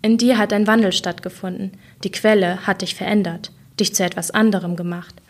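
A woman reading aloud, voicing a young man's solemn, quiet pronouncement as a grave cousin figure. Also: mid-range voice, fairly even intonation, brisk, natural voice.

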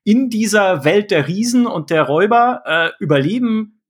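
Man, podcast host, husky voice, fairly high, enthusiastic, exclamatory. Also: expressive, moderate pace. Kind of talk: casual podcast conversation.

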